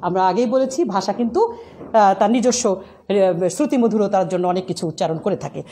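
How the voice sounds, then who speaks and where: A woman's voice: medium pitch, fairly quick, dark tone, a little hiss or hum. A woman teacher giving an online class, explaining rules step by step, repeating examples and asking questions.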